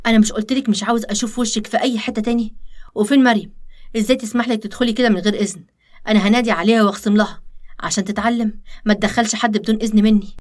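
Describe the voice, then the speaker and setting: A woman with an Egyptian accent voicing a stern young businessman who scolds curtly, in an animated story. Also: mid-range voice, racing, lightly acted. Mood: irritated. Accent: Egyptian Arabic. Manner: curt, scolding.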